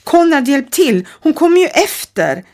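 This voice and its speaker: Woman doing a young girl, high, pleading, urgent, audiobook voice. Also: sing-song. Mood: frightened. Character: frightened brave young girl.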